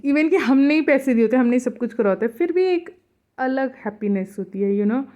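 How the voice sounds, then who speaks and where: A young woman narrates a casual home vlog in a chatty, friendly flow, slipping English words into her talk. Her voice sits a touch high. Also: animated, brisk, dark tone, highs cut off. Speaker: vlogger.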